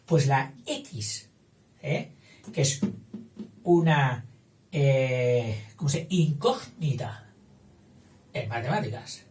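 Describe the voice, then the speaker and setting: A man's voice: medium pitch, animated, slow, long pauses, a little mellow. A man teaching a grammar lesson, explaining patiently and checking in with a frequent "eh?". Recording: roomy echo, distant mic, faint hiss.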